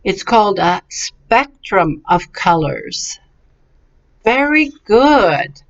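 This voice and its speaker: A woman's voice: medium pitch, sing-song, very slow. A woman teaching English vocabulary, patiently and encouragingly sounding out words syllable by syllable. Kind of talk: slow, clearly enunciated vocabulary and pronunciation lesson. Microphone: webcam. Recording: slightly dull, lo-fi webcam recording.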